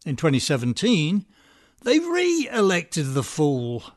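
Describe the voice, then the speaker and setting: A man giving scripted political commentary with a dry, sardonic, measured delivery. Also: on the high side, wildly swooping pitch. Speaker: podcast commentator.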